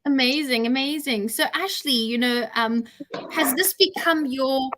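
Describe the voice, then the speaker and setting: Woman from South Africa, high-pitched host on a video call, affirming tone. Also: measured pace, fairly bright tone, low-quality recording. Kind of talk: live interview over video call.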